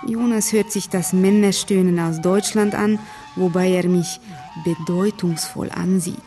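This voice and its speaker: A woman's voice: lowish voice, steady tone, measured pace, dark tone, soft background music, close to an everyday voice. An actress playing a wry young Hungarian woman who narrates her life in a radio drama in clipped inner monologue. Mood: wry, restrained. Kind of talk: scripted first-person radio drama narration.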